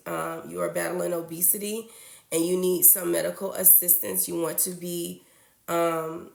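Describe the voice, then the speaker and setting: A woman's voice: on the low side, vocal fry, echoey room. A woman, a registered nurse hosting a casual livestream, greeting viewers by name and a little congested from a cold.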